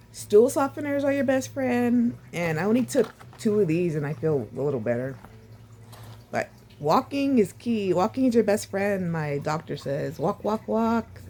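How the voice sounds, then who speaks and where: A woman vlogging casually about her recovery, sore and short of breath, with a sore throat, talking haltingly with sighs and restarts. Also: medium pitch, sing-song, dark tone. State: sore and winded after surgery.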